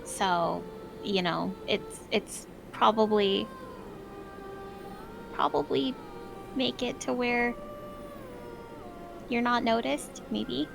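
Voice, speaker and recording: A woman's voice: fairly high pitch, very slow, vocal fry, pauses often. A woman playing a tabletop game, chatting casually and hesitantly as she thinks aloud. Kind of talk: casual improvised game chat. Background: music.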